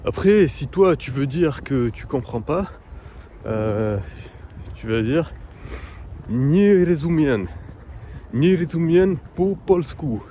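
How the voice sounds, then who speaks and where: A man talking casually to the camera while walking outdoors in a park, hesitant and full of fillers, slowly sounding out foreign words. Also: on the high side, lively intonation, warm tone, slight background noise. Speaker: vlogger learning Polish. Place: outdoor park in cold weather.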